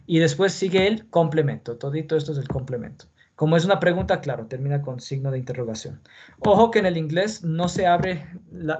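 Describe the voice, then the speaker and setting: A man's voice: a little high, darkish tone. A man teaching an English grammar lesson in Spanish, patiently repeating points and checking in with his class. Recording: dull lo-fi sound with faint noise.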